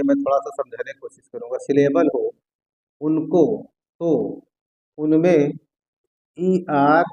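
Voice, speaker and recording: A man teaching an English grammar lesson, often repeating key words slowly as he writes them on the board. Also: fairly high pitch, a little mellow, low-quality recording.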